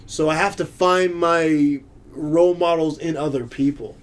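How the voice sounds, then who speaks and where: A young man in casual podcast conversation, speaking earnestly. He pauses and restarts as he works through his thoughts. His voice is a little higher than most men's. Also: steady tone. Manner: earnest, halting, many fillers. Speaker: podcast co-host. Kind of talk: casual chat.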